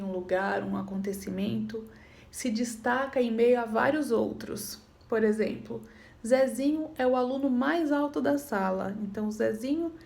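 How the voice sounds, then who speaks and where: A woman's voice: a little high, creaky, darkish tone. A woman teaching an English grammar lesson, patiently explaining rules and checking in with her students. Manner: patient, repeats points, checks in with "tá bom?".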